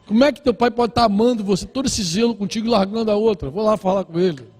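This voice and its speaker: A man's voice: high-pitched, quick pace, a little mellow, breathy edge. Man preaching in a reverberant hall. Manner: exhorting, repetitive, acts out dialogues. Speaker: pastor. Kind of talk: sermon. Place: church.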